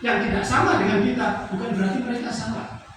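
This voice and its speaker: Middle-aged man, high voice, training lecture, far from the mic in a reverberant hall. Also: fairly even intonation, fast, a bit bright. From Java. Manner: emphatic, rises high on lists, drops low on asides. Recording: echoey hall from far off, noisy.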